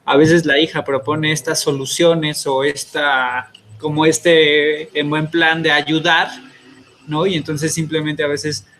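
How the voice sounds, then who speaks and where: A man hosts a casual podcast. He talks hesitantly in a fairly high voice, with many fillers and restarts. Faint background noise sits under the recording. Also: little pitch movement, slow, a bit bright. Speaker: podcast host.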